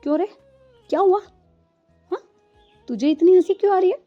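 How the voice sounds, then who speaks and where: A woman voicing a playful, teasing young bride who speaks in a lively way. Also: high-pitched, moderate pace, narrow, tinny audio, soft background music. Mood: mock-scolding.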